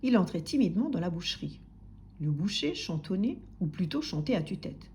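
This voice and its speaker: A woman narrating a children's story aloud in an expressive, soft-spoken way, sometimes dropping to a whisper. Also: fairly low pitch, fairly quick, a little hiss or hum.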